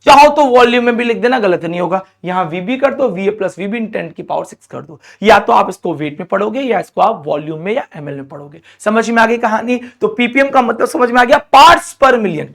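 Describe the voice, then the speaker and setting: Male teacher, high voice, lively coaxing lecture, draws out key terms. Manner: lively, coaxing, often asks students questions; stretches out key terms slowly. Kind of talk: classroom lecture to students.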